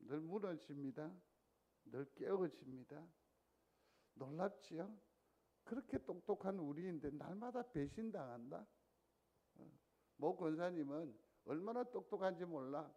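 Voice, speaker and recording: Guy preaching in church, kinda high voice, chatty, keeps asking the room stuff. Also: dark tone. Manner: conversational, asks the congregation questions. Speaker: pastor. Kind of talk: sermon. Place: church sanctuary.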